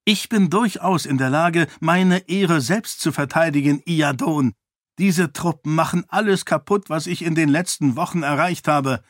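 Strong-willed princess, read by a man in a higher voice; cold, cutting, commanding, dry recording. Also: a little slow, no room sound, close to an everyday voice. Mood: defiant. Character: fierce, strong-willed young princess, woman.

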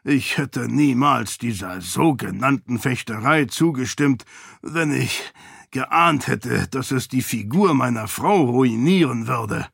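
A man voicing a portly, blunt, booming count in an audiobook, talking slowly and blusteringly. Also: animated, gravelly, a bit bright, breathy edge, dry recording, studio quality, exaggerated voice. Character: portly boisterous male count, blunt glutton. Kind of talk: audiobook character voice.

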